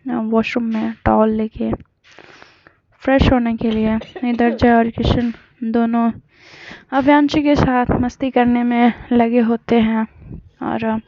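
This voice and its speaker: A woman's voice: fairly high pitch, no echo. A woman casually retelling a romance story in a hesitant, conversational way with many fillers. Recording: dull lo-fi recording.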